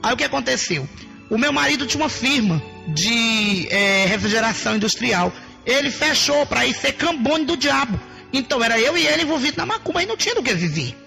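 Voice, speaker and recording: A woman's voice: a little high, sing-song, a little fast, creaky, sharp tone, faint music behind. A woman preaching her personal testimony in an emphatic way, often calling out to her listeners as brothers and sisters.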